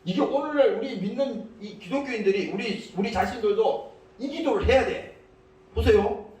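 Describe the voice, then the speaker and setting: A man's voice: very high-pitched, moderate pace, a little mellow. A man preaching a sermon as pastor. He reads scripture, then breaks it down in plain speech and asks the congregation frequent rhetorical questions. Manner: switches between scripture reading and casual speech. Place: church sanctuary. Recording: very echoey hall, mic far off.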